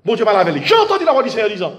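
A man preaching a fervent sermon as pastor, now and then bursting into shouts. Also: high voice, huge pitch swings, rapid-fire, echoey room. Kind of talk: French sermon.

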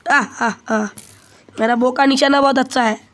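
A man's voice: very high-pitched, unhurried, slight background noise. A young male gamer chatting casually and bantering with a friend while playing. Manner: bantering, excitable when in danger. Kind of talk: casual gameplay chat.

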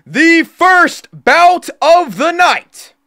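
A man putting on a theatrical boxing ring announcer voice, drawing out every phrase slowly. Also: extremely high pitch, big pitch swings, gravelly, pushed and bright, no echo, studio quality, voice pushed up, exaggerated voice. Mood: booming. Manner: drawn-out, slow, theatrical announcing. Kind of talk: mock ring announcement on a livestream.

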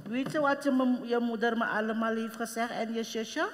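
A woman's voice: a little high, steady tone, moderate pace, close to an everyday voice. A woman playing an indignant young wife. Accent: Surinamese Dutch. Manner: complaining, emphatic. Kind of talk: live stage comedy. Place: large concert hall stage. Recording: long hall reverb, faint noise.

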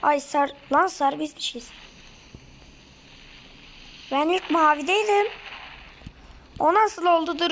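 A woman with a high, hoarse voice talks through a game in a casual let's-play. She reacts excitably and breaks into loud, sudden outbursts. Loud game noise plays behind her the whole time. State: hoarse throat. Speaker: gaming video host.

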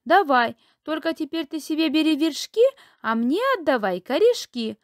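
A woman storyteller puts on a gullible peasant bear in a storybook tale. He is emphatic and indignant, with a high, swooping voice. The sound is dry. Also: lively intonation, normal speed, no echo. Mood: insistent.

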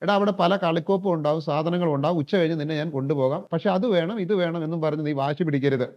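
A stern middle-aged father, put on by a man telling a story, firmly repeats the same calming phrase. His voice sits high for a man. The recording is dull and lo-fi. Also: racing, close to an everyday voice. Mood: warning.

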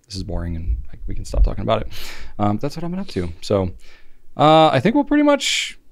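A young man co-hosting a podcast, telling stories in a lively way and acting out his own quotes. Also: on the low side, quick pace, creaky. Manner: animated storytelling, acts out his own quotes. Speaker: podcast co-host. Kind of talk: casual podcast chat.

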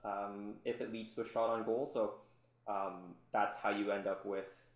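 A man talking as a podcast guest in relaxed, rambling casual chat, full of ums. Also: lowish voice, measured pace, reverberant. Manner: relaxed, rambling, many ums, laughs often.

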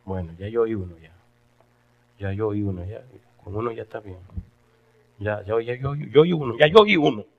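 A man's voice: on the low side, normal speed, pauses often, phone-quality sound, crowd noise, close to an everyday voice. A man acting out a remorseful grown man who repeats himself and stammers while crying. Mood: resigned. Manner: repetitive, stammering self-talk.

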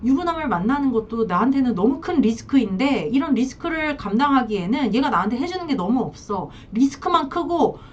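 A woman's voice: high-pitched, expressive, a little fast, hardly any pauses, recorded from a distance, slight background noise. A woman acting out a divorced mistress who pleads, accuses and threatens her married lover. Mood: indignant. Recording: dull lo-fi sound.

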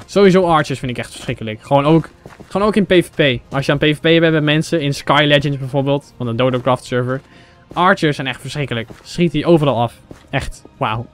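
A young man from the Netherlands doing Minecraft let's play commentary, excitable, exclaiming in English and chatting to his viewers. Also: fairly high pitch, fast. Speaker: gaming channel host. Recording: faint game music behind.

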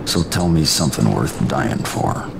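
Deep gravelly grim vigilante. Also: male voice, a little slow, noisy background, exaggerated voice. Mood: dry sarcasm. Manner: deadpan, terse, commanding. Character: grim, menacing male vigilante, curt and sardonic. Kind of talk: video game cutscene acting. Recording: loud game music behind the voice.

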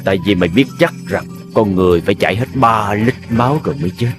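A man's voice: lowish voice, fast, music in the background, close to an everyday voice. An actor playing a ruthless male gang boss who interrogates his captives in a menacing, taunting way.

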